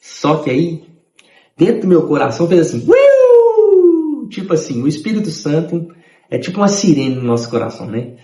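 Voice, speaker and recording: A man, telling his conversion testimony in an animated way and acting out the voices of others. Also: fairly high pitch, fairly quick, roomy sound. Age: 30s.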